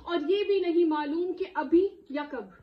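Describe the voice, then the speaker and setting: Woman preaching to a room of ladies, super high voice, keeps asking the crowd questions, echoey and kinda muffled. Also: measured pace. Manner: impassioned, rhetorical questions, frequent "isn't it?" asides. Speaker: Islamic speaker addressing a women's gathering. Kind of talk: emotional religious talk to a live audience.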